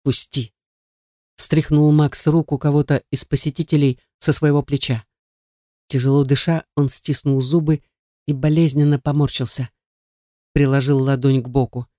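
A man's voice: on the high side, flat delivery, normal speed, dark tone, no echo, clean studio sound. A man narrating a first-person novel in a tense, dramatic reading. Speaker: audiobook narrator.

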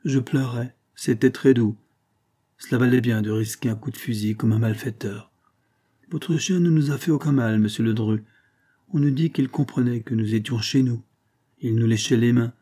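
A man voicing a frail, gentle old man who pleads tenderly, in a storybook reading. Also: medium pitch, normal speed, natural voice. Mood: sorrowful.

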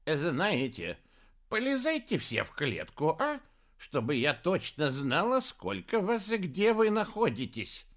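A man voicing a mild, absent-minded old granny witch who speaks slowly. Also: on the high side, wildly swooping pitch, a bit bright, voice pushed up, full character voice. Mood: mild, puzzled. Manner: slow, puzzled and mild.

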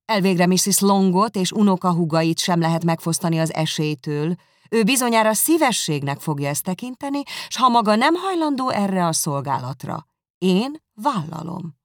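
A woman's voice: fairly low pitch, animated, dry recording. A woman reading aloud and voicing a dry, ironic middle-aged father who teases his family. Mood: teasing. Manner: mock-serious, teasing.

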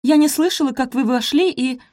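A woman voicing a twenty-year-old servant girl who pleads and answers back, higher and brighter than her narration. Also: normal speed, no room sound, clean studio sound, natural voice. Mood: pleading, defiant. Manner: pleading, breathless, rising to defiance. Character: young servant woman of twenty, frightened but defiant.

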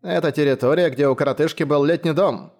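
Guy doing a raspy lazy hand-creature, slow, dry, sarcastic, audiobook style. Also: fairly high pitch, darkish tone, pitched above the performer's own voice, lightly acted. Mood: sardonic. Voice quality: hoarse. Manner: slow, unhurried drawl. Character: ancient sardonic parasite voice in a hand.

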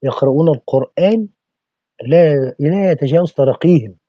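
A man's voice: on the high side, normal speed, no echo. A man with an Egyptian accent speaking passionately in a podcast discussion, firing off rhetorical questions like a preacher. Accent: Egyptian Arabic. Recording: dull lo-fi recording.

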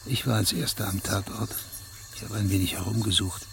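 In a radio drama, an actor plays a stern, methodical investigating judge who sounds measured, probing, and authoritative. The male voice is fairly low, steady, and gravelly, with a calm, probing mood and some background noise.

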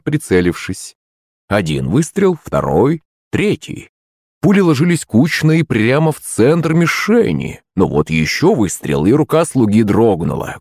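A man reads an audiobook in a low, expressive voice. His pitch moves lively through the story, and the recording is dry and close. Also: dry recording. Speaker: audiobook narrator. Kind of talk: audiobook narration.

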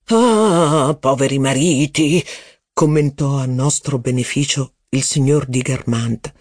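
A man reading aloud voices a blustering, impatient aristocratic duke who talks in loud exclamations. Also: medium pitch, takes it slowly, no echo, studio quality.

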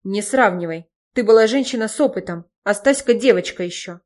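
A woman voicing a hot-tempered, agitated man who shouts and pleads. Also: mid-range voice, a little fast, natural voice. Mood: indignant.

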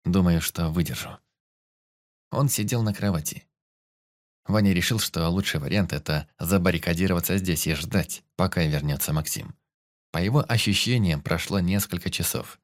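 A man reads a tense story aloud in a very deep, low voice, keeping a steady, measured narration. The delivery stays even as he describes the scenes. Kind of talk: audiobook narration.

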